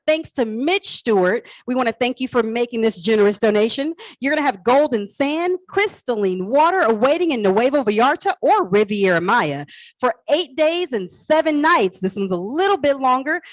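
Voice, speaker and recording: A woman with a high, animated voice works a live auction as auctioneer and host. She repeats her bid prompts playfully and chattily, in a dry, close sound. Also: no room sound, rough recording.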